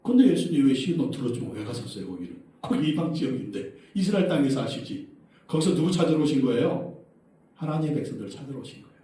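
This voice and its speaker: A man preaching a sermon as pastor, asking the congregation questions and bursting into loud cried-out prayers. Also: mid-range voice. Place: church sanctuary. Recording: distant echoey church hall.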